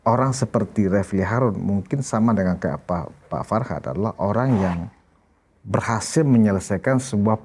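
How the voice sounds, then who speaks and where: Husky, low-voiced male talk-show host. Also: normal speed. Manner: soft-spoken interviewer, agreeing and leading questions.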